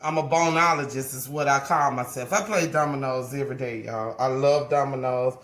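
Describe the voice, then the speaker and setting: A forties-aged woman who owns a craft channel demonstrates a project in a casual, chatty, folksy way, regularly revising herself mid-sentence. She has a bass voice with fairly even intonation at a normal speed, recorded with roomy echo.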